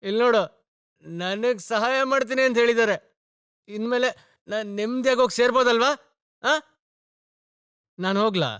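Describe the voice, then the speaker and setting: A man's voice: extremely high pitch, moderate pace, pauses often, smooth, no echo, studio quality. A man voicing a drunk, debt-ridden younger brother in a dubbed film, rambling, pleading and repeating himself. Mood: giddy drunk. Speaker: film character in a dub. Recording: loud film score behind the voice.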